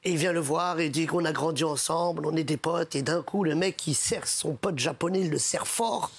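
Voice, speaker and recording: A man's voice: a little high, normal speed, breathy edge. A man telling jokes on a comedy show, switching between voices for each character. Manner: animated joke teller, puts on characters' voices.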